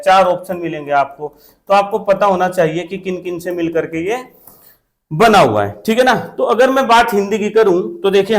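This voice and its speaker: A male grammar teacher giving an exam-prep lesson. He asks questions, answers them himself and keeps checking that students follow. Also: sits high.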